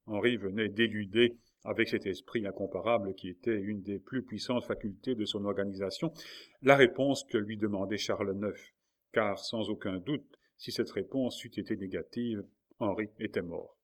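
A man narrating a historical novel in a measured, dramatic reading. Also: on the low side, fairly even intonation. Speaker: audiobook reader.

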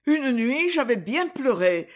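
A haunted, half-mad mother with a hollow, trembling voice that sits high and swings widely, as in a storybook reading, with a woman putting her on. She sounds gripped by dread throughout. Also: sing-song, takes it slowly, heavily acted. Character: crazed terrified middle-aged mother, haunted by memories.

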